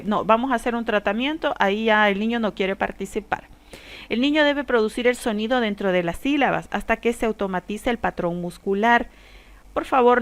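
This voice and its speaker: A woman teacher giving a recorded lesson, explaining carefully and slowing down to demonstrate sounds. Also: mid-range voice, a bit bright, clear, resonant tone. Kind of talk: recorded lesson on speech disorders.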